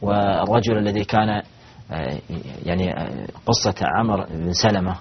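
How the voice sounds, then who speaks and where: A man's voice: low voice, husky, highs cut off. A man teaching a religious lesson to students. He asks questions and answers them himself, and he often stops and restarts mid-phrase. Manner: halting, with repeated false starts. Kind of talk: lecture to students.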